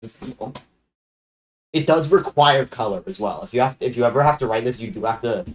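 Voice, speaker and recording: Young streamer voice, mid pitch, keeps restarting sentences, deadpan jokes on stream. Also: low-quality recording. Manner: halting, with frequent restarts. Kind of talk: casual chat on a livestream.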